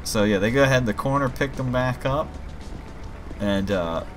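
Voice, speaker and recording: A man of mid-range pitch talks at a normal speed while casually playing through a mod he created, his explanations informal and wandering. The background carries game music along with vehicles and police sirens.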